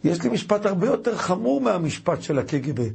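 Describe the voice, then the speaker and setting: A man voicing a shaken new immigrant reflecting earnestly on judgment, slightly high and husky. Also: big pitch swings, a little mellow, full character voice.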